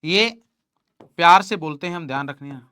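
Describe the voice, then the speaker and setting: A man's voice: a little high, normal speed, pushed and bright, smooth, no room sound. A young man teaching chemistry in an online class, teasing and joking with his students. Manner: playful teasing, talks to students as "beta".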